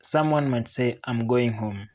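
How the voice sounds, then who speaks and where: At a medium pitch and with a slightly mellow tone, a narrator reads a scripted explainer. The delivery is measured and informative, laid out in clear statements.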